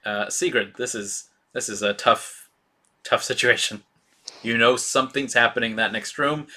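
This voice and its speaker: A man running a tabletop role-playing game as game master, describing scenes in a halting way with many fillers. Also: medium pitch, bright, forceful tone.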